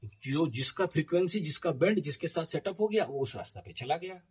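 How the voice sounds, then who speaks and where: A man, an astrologer, telling stories in a casual spoken monologue, animated and often laughing, swinging between loud and soft. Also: a little high, brisk, husky, low-quality recording. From eastern India.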